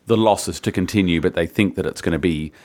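A man's voice: sits low, fairly quick, a little mellow. A man talking as a media journalist in casual chat, telling gossip in a knowing way.

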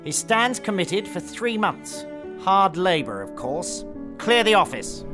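A man's voice: high voice, very animated, slow, over music, voice pushed up, full character voice. A man voicing a harsh, contemptuous magistrate who barks at a frightened boy in a storybook reading. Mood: bullying. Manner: barking, contemptuous. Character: harsh, sneering, bullying male magistrate.

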